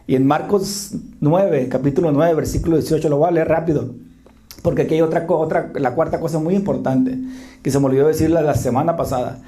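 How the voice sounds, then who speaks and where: Preacher, dark mellow tone, mid pitch, casual sermon, self-correcting, church sanctuary. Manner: informal, checks in with the congregation with quick questions; restarts and corrects phrases while talking. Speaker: pastor. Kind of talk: conversational sermon. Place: church sanctuary before a congregation.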